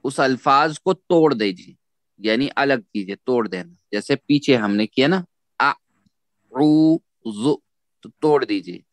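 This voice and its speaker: A man teaching Quran recitation in a slow, patient way, repeating sounds syllable by syllable for students to echo. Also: medium pitch, expressive. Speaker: tajweed teacher.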